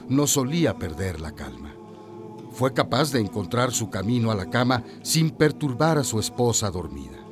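Guy narrating a novel as audio drama, lowish voice, really lively intonation, music behind him.

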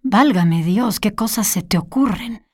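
A curt, skeptical male engineer, played by a woman reader, brushing things off in a low, mellow storybook voice. The reading is unhurried and recorded close and dry. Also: lively intonation, dry recording.

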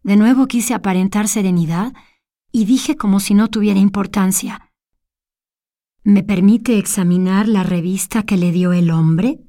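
A woman reading a story aloud as narration in a measured way, going hushed at tense moments. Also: mid-range voice, no room sound, studio quality. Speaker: reader. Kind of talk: scripted narration.

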